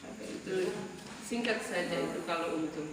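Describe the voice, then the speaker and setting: A woman teaching a religion class, explaining slowly and drawing out her words, with frequent "ya" asides. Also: on the low side, gravelly, over a noisy crowd. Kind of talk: classroom lecture. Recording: echoey room from far off, noisy.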